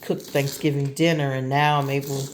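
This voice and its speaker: A woman's voice: very deep voice, flat delivery, normal speed, a little hiss or hum. A woman giving an earnest, grateful testimony from her home kitchen, becoming tearful as she speaks. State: tearful, voice breaking. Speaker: vlogger. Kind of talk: heartfelt personal testimony.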